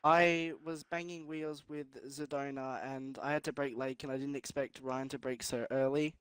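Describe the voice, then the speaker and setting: A man's voice: medium pitch, steady tone, moderate pace, fairly bright tone, smooth, no echo. A man who has just won a sim race, answering interview questions modestly with fillers. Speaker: race winner guest.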